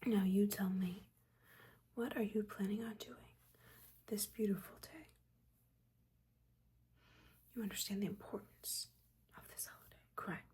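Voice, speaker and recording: In a soft-spoken, breathy, mostly whispered ASMR roleplay, a woman plays a stern, disappointed witch mentor who nags but secretly cares. Her mid-range voice has fairly even intonation, and she scolds in a halting, dryly exasperated way, with background ambience noise audible.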